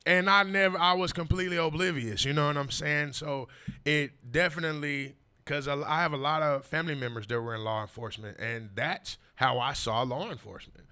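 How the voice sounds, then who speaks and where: As a podcast guest, a man in his forties tells his story in emphatic, casual talk packed with repetitive street slang and frequent "you know what I mean". His slightly high voice is brisk, bright and pushed, with fairly even intonation and a clean tone.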